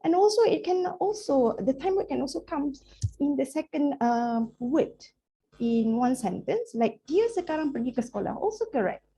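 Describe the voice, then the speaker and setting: This woman is a Malaysian lecturer, Malay being her first language, delivering an academic talk in English in a conversational way and regularly asking the audience "right?". She speaks at a normal speed in a high-pitched, sing-song voice with a dark tone, on a rough recording.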